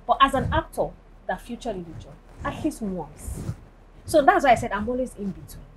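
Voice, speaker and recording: A woman with a Nigerian accent, a guest actress on a talk show, speaking emphatically and telling her views in a lively way. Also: on the high side, a little fast, a little hiss or hum, low-quality recording. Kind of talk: casual chat.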